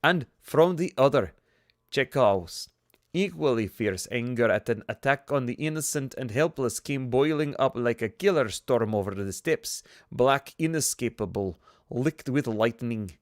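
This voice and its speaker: A male narrator reading a novel aloud at a steady pace, with the odd joking aside about his own performance. His voice sits at an ordinary middle pitch and is recorded dry, with no room echo around it. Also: measured pace. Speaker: audiobook narrator.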